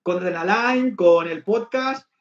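A man's voice: sits high, slow. A man hosting a podcast in a casual, rambling way with many restarts. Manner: chatty, rambling with frequent restarts. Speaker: podcast host. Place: lives in Barcelona. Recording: echoey, dull lo-fi sound.

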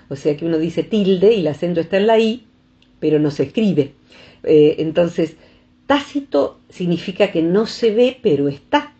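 A woman with a low, warm voice talks things through slowly and reflectively. She calls in to a radio show, and the line sounds dull and muffled. Her speech is gentle, and she explains with everyday examples. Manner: reflective, uses images and examples. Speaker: psychologist guest. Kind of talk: calm explanatory radio talk.

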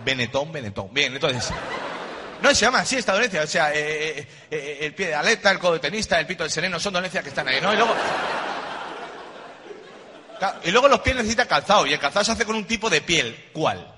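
A man's voice: fairly high pitch, animated, fast, noisy background. A middle-aged man doing a stand-up comedy monologue on a live stage, talking in slang and bantering with the audience. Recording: live show with loud crowd laughter.

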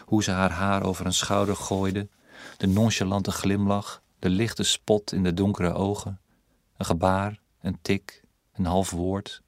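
A man narrates an audiobook in a measured, even storytelling manner. His voice is very low and deep. The recording is close and dry, with no room sound. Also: no room sound.

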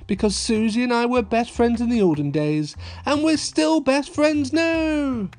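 A man's voice: very high voice, animated, measured pace, a little mellow, voice pushed up. A man voicing a chirpy, insistent little girl pig for a children's storybook, eager and childlike, with guitar music behind him. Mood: excited, curious. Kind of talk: children's cartoon storybook read-aloud.

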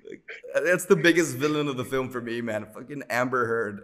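A man's voice: medium pitch, expressive, brisk, a bit bright. A man co-hosting a casual podcast, joking sarcastically and laughing often. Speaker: podcast co-host. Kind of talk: casual chat.

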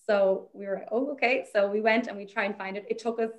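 A young Irish woman researcher, appearing as a podcast guest, tells a casual anecdote in a rambling way with lots of laughter and fillers. Her mid-range voice keeps a fairly even intonation, and she talks fast.

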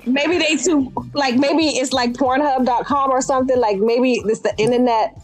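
A woman talking frankly in a casual podcast chat, animated and repeating herself for emphasis. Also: sits high, normal speed, soft background music.

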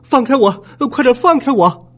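A man voicing a young schoolboy who shouts and protests, in a storybook reading. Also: fairly high pitch, wildly swooping pitch, moderate pace, slightly rough, faint music behind, full character voice. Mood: protesting. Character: worried young schoolboy in trouble.

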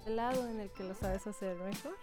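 Teasing young woman over loud music. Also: medium pitch, brisk. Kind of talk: casual chat. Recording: loud music under the talk.

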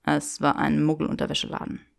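A woman voicing a lovestruck young wizard, speaking low and wry. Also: completely flat delivery, fairly quick, gravelly. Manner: murmured, wry.

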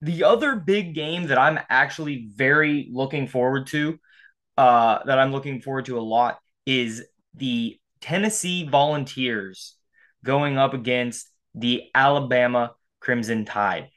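A man co-hosting a casual sports podcast, getting fired up and swearing, his voice jumping high when riled. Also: a little slow, fairly bright tone. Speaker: podcast co-host.

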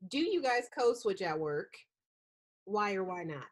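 A woman hosts a podcast in a casual, direct way. She poses questions to her guests conversationally. Her pitch sits in an ordinary middle range. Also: very animated, unhurried. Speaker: podcast host.

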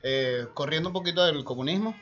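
A man's voice: fairly high pitch, a little fast. A man hosting a podcast, chatting casually and asking the guest questions. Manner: animated, asks questions. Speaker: podcast host. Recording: muffled lo-fi audio.

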